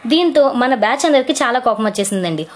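Podcast host, a woman: high voice, chatty and casual. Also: lively intonation, quick pace. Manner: chatty, mixes English words into her talk, reads quotes with raised voice. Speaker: podcast host recapping a reality show. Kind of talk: casual storytelling recap.

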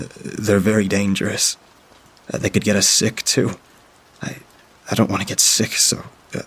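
Heavily acted, the performance has a man voicing a frightened young child who pours out diary entries in the first person. His voice is low, gravelly and husky, flat and subdued in contour, and he halts often with filler sounds and sentence restarts.

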